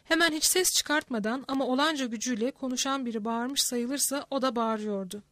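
Female audiobook narrator, high voice, steady even read; dry close mic. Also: brisk, dry recording. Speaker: audiobook reader. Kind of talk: scripted narration.

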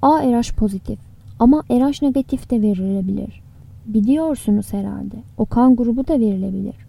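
A woman voicing a brisk, urgent hospital nurse in an audiobook. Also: fairly high pitch, vocal fry, mellow, breathy edge.

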